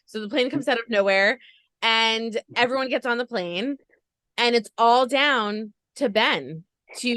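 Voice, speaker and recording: A woman's voice: a little high, pushed and bright, no room sound. A woman podcast interviewer recapping a show with gushing enthusiasm in long run-on stretches.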